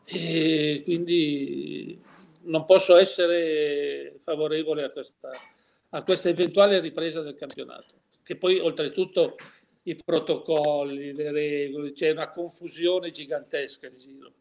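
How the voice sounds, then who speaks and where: Older man, interviewee, slightly high voice, opinionated, faint noise behind. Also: steady tone, a little slow, vocal fry, a little mellow. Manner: opinionated, rhetorical questions, frequent restarts. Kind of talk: casual interview.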